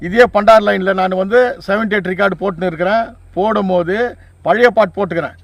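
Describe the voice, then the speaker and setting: An older man, a veteran sound operator, reminisces casually in an interview, repetitively listing things from memory. His voice sits high with vocal fry, in a steady tone and at a fast pace. He's deferential, often calling the listener "sir."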